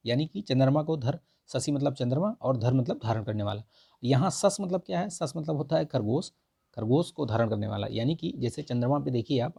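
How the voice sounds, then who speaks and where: Speaking in a mid-range, gravelly and husky voice with a dark tone, a male teacher explains a Hindi vocabulary exam practice test. He keeps repeating the right forms and says "ठीक है" often. The audio is dry and clean, studio-like.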